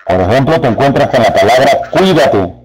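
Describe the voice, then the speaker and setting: A man teaching a spelling lesson to teachers, explaining slowly and speaking to them directly. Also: medium pitch, expressive, darkish tone, faint music behind, poor audio. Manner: slow, deliberate, addresses teachers directly. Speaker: teacher trainer.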